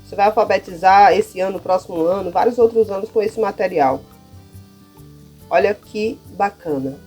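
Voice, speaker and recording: Her Brazilian Portuguese accent clear, a primary school teacher from Brazil demonstrates classroom material in a relaxed, talkative way and keeps checking in with listeners. She speaks at a moderate pace in a dark, mid-range voice over faint background music.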